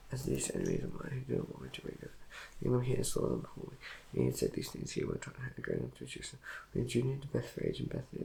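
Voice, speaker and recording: Fast, gravelly man reading scripture. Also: medium pitch, a little mellow, a little hiss or hum. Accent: Korean. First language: Korean. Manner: rushed, stumbling over words. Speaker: Bible reader.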